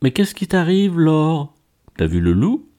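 Relaxed, ironic male producer, voiced by an audiobook narrator, teasing and a bit lifted. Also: on the high side, measured pace, pitched above the performer's own voice. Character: laid-back wry male show producer.

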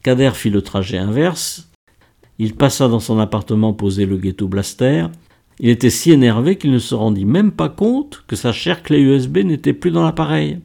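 Male narrator for a novel: gravelly, dark, steady storytelling. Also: medium pitch, normal speed. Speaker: audiobook narrator. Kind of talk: scripted narration.

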